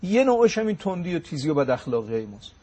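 Man, husky voice, religious lecturer, slow Arabic recitation, quick explanations. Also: fairly high pitch, big pitch swings, warm tone. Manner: recites Arabic slowly, then explains in brisk Persian. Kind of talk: religious talk explaining sayings.

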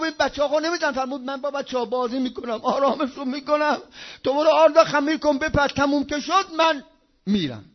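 A man preaching a religious sermon over a loudspeaker, telling a story with passionate outbursts and hushed low passages. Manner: impassioned, swinging between loud outbursts and hushed low tones. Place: speaking over a loudspeaker in Qom. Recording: dull lo-fi recording.

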